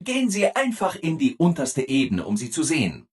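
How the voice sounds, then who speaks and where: A man voicing a relentlessly cheerful, eager-to-please robot assistant in a video game, over-polite and exaggeratedly upbeat, with a husky voice. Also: a little high, huge pitch swings, moderate pace, a little mellow, heavily acted. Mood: cheerfully informative.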